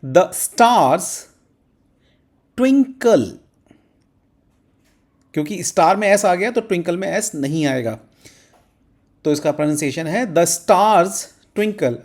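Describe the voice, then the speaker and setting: A man teaching English to Hindi speakers in an Indian accent, saying each example sentence slowly and word by word. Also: on the high side, animated, a little mellow. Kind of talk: slow explanatory language lesson.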